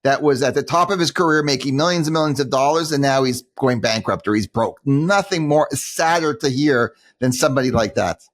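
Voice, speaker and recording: A man's voice: medium pitch, a little fast, few pauses. An older man from Toronto with a Canadian accent, co-hosting with his son, joking and self-deprecating in casual chat. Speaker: co-host, the host's father.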